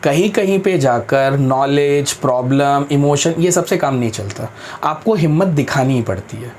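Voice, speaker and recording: A man's voice: mid-range voice, animated, moderate pace, a little mellow, slight background noise. A man talking in an interview, explaining in a firm, practical way, mixing in English phrases and respectfully calling the interviewer sir. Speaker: guest speaker on careers.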